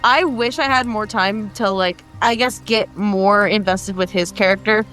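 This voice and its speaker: A woman player chatting casually, excitable and swearing offhandedly. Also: medium pitch, unhurried, faint music behind. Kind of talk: casual debrief chat.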